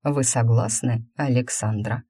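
A woman voicing a calm, smooth-talking male mage who stays unruffled and speaks in an ingratiating way, in a story read aloud. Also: very deep voice, no echo, heavily acted. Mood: composed. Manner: unhurried, imperturbable, ingratiating.

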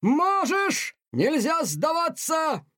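A man voicing a stern older male cat colonel who drills a young cat, barking slow, drawn-out shouted orders. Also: extremely high pitch, wildly swooping pitch, pitched above the performer's own voice, exaggerated voice. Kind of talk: audiobook character voice.

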